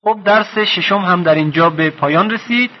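A man with a slightly high, husky voice leads a reading lesson. He stretches each syllable out slowly and clearly so listeners can repeat after him. The recording is dull and lo-fi. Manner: slow, drawn-out syllables for learners to repeat. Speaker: teacher.

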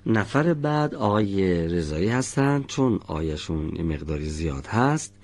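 A man with a somewhat low voice leads a recitation class. He speaks patiently, stops to correct students, and carefully sounds out letters to show how they should be pronounced. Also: sing-song, darkish tone. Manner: corrects pronunciation slowly, demonstrating sounds by example. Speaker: Quran recitation teacher.

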